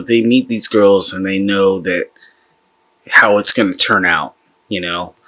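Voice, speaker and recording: Deep-voiced sick man hosting late-night talk. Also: poor audio. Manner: relaxed, sighing, rambling with fillers. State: sick with a cold. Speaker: host. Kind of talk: casual commentary.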